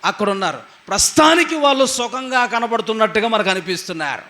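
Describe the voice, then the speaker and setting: A man with a high voice delivers a sermon from the pulpit. He drives each point home by asking the congregation questions and answering them himself, and he peppers his lines with hallelujah and amen. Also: expressive, fast talker, pushed and bright. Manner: emphatic preaching, asks the congregation rhetorical questions and answers them. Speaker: pastor.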